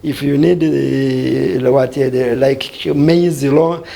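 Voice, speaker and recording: A man's voice: mid-range voice, steady tone, slow pace, gravelly, warm tone, rough recording. A man from western Uganda, a guest in a studio discussion who explains earnestly and asks himself questions that he then answers.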